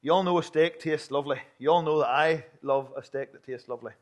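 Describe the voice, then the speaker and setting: A Northern Irish man preaches quickly and earnestly, his high voice carrying a plain-spoken sermon. Every so often he poses rhetorical questions.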